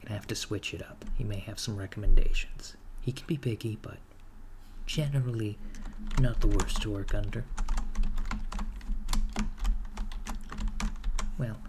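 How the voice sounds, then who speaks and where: Speaking softly and haltingly, often nearly whispering, a man plays a calm, mildly awkward recruiter of henchmen for a villain in an ASMR interview roleplay. He is deadpan and casual, with hesitant yet reassuring office politeness, a fairly low, natural voice, and a slightly quick pace. Background noise includes keyboard typing.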